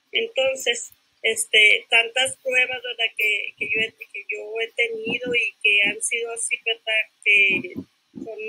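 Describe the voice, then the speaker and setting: An older woman giving her personal testimony in a church class. She speaks haltingly, repeats herself and keeps adding tag questions. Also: on the high side, sharp tone, slightly rough, poor audio.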